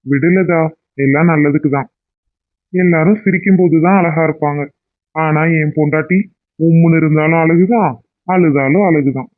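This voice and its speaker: A man's voice: a little high, normal speed, long pauses, natural voice. A man voicing a young cartoon husband who pleads and makes up with his wife in an affectionate way. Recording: tinny phone-like sound.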